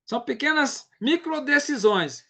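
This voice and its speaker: A man's voice: extremely high pitch, animated, unhurried, creaky, sharp tone. A man from Brazil, giving a casual live sales training and often checking in with his audience.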